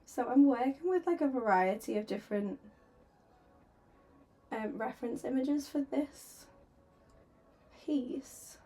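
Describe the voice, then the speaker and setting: A painter talks casually on her livestream, her high-pitched voice animated yet slow, with long pauses and a dark tone. She's slightly hoarse from a sore throat and giggles nervously, recorded on a desk microphone.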